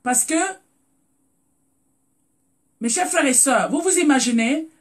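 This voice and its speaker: Hosting a relaxed live stream, this Cameroonian speaker has a Cameroonian French accent and a high, slow, breathy voice. Words get repeated as the host hunts for the right ones, and viewers are welcomed by name.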